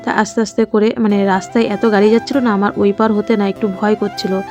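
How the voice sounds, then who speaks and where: A woman's voice: mid-range voice, flat delivery, fast, music in the background. A middle-aged woman, a mother chatting casually in her vlog, rambling and heartfelt with many fillers. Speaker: mother and vlogger.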